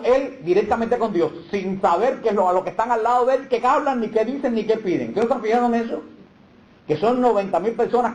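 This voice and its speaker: A man giving a catechism lecture with emphatic stresses and rhetorical questions. His voice sits a little high but has a dark, mellow tone. The room around him is echoey.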